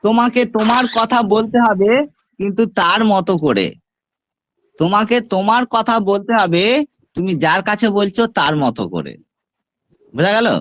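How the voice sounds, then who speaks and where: A man teaching an online English class, asking questions and switching between Bengali and slow, careful English. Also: high-pitched, animated, fairly bright tone.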